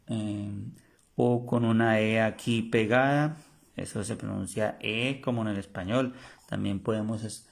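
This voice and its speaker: A man teaching an online French class, slowly repeating each sound and word for his students to memorize. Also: fairly low pitch, gravelly. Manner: slow, repetitive drilling of pronunciations.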